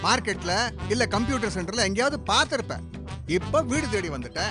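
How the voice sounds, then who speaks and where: A man's voice: high-pitched, big pitch swings, fairly quick. A man acting as an angry, overprotective middle-aged father who scolds and threatens a young man in a TV serial, with music behind. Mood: furious. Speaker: strict father guarding his daughter.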